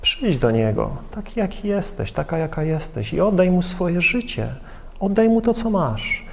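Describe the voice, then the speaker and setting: A man preaching a sermon with passion and emphasis, using dramatic pauses and addressing his listeners directly. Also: high-pitched, big pitch swings, creaky, slight background noise. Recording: long reverb of a large hall.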